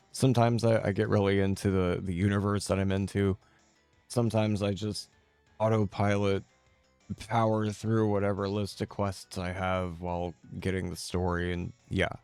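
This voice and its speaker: A man chatting casually as a game streamer, answering viewers' questions in a laid-back, rambling and halting way. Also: low-pitched, steady tone, a little mellow, clear, resonant tone, no room sound, soft background music.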